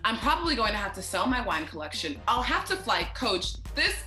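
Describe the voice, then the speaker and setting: A woman's voice: mid-range voice, sing-song, fairly quick, pushed and bright, echoey room, soft background music. A young woman playing a spoiled female politician who has landed in jail, in a stage show. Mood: despairing. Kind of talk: youth stage theater.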